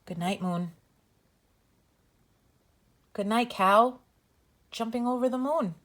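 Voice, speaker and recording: A woman reading a bedtime picture book aloud for young children as a host, with deliberate phrasing. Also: fairly high pitch, fairly bright tone. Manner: slow, deliberate phrasing for small children, drops into whispers.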